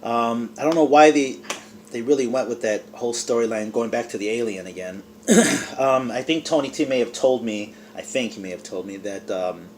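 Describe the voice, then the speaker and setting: A man's voice: medium pitch, moderate pace, slight background noise. A man giving a rambling, casual movie review to camera, full of fillers. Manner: eating and talking with mouth full.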